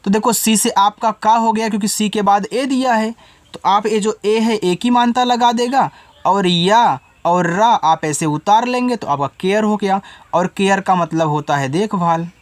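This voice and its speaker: A man teaching beginners English spelling, reading out words letter by letter, slowly and patiently. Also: sits high, no echo. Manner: patient, coaxing teacher talk.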